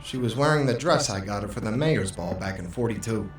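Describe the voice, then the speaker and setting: A man with a lowish, natural voice plays a world-weary, hard-boiled 1940s private eye in a noir radio drama, sounding animated and a little fast with a wry, brooding air. The mic is distant in a roomy space, with music playing underneath.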